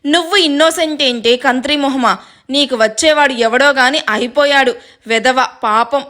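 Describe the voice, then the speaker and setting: A woman's voice: high voice, moderate pace. A woman reading an audio story, voicing a joking, easygoing young man who mocks and teases. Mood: teasing. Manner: joking, mocking, calm. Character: teasing easygoing young man, brother-in-law.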